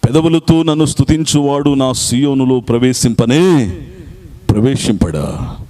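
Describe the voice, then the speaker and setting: A male pastor preaching a sermon in a church at a night meeting, repeating scripture phrase by phrase and urging the congregation to answer loudly. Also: medium pitch, measured pace.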